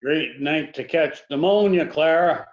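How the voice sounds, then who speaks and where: An actor playing an avuncular, folksy, protective neighbor in a period drama screenplay reading. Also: male voice, on the high side, a little slow, dull audio, close to an everyday voice. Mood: friendly, concerned.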